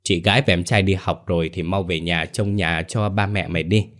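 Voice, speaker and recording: Man voicing brisk practical daughter, scolding, dismissive, low voice. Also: fairly even intonation, a bit bright. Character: brisk grown daughter, sharp-tongued and practical.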